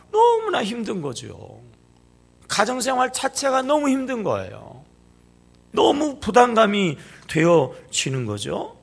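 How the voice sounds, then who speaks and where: A man's voice: on the high side, gravelly, slightly rough. A male pastor preaching a sermon, speaking emphatically, acting out quoted speech and prompting the congregation to answer. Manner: emphatic, asks the congregation questions and prompts replies; acts out quoted speech in changed voices. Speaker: senior pastor.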